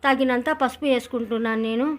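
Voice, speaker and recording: A woman's voice: fairly high pitch, steady tone, quick pace. A middle-aged woman with a Telugu village accent, narrating her home cooking in a chatty, rambling way. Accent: Telugu village speech. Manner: chatty, rambling storytelling with many restarts. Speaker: cooking channel host. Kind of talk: casual cooking vlog narration.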